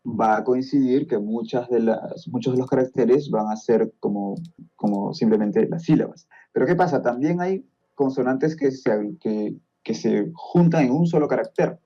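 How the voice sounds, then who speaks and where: Peruvian man, podcast guest, patient explainer; very dark, mellow tone, muffled lo-fi audio. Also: medium pitch, normal speed, breathy edge. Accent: Peruvian Spanish. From Peru. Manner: patient, explaining step by step with frequent checks like "¿no?". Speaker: guest expert on Tolkien's languages.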